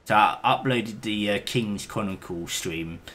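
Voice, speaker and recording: Low-voiced man rambling on stream. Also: a little slow, a bit bright, a little hiss or hum. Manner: rambling, hesitant, swears casually. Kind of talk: casual gaming stream chat.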